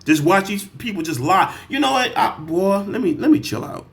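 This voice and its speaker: This is a man with a fairly high voice, commenting in a heated, irritated way on a clip he is playing. He swears freely and talks directly to his audience. When he reads verses aloud, he slows right down. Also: big pitch swings. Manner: irritated, profane, talks straight to viewers; reads scripture slowly and deliberately. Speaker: reaction video host.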